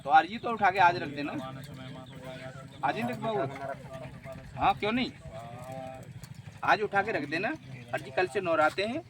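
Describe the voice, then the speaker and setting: A man's voice: high voice, animated, a little slow, pauses often, a crowd in the background. A man acting as a shrine healer, giving a visitor firm, assertive advice. He keeps promising results and checking that he is understood. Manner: assertive, repeats "guarantee" and checks "ठीक है?". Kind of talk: advising a visitor.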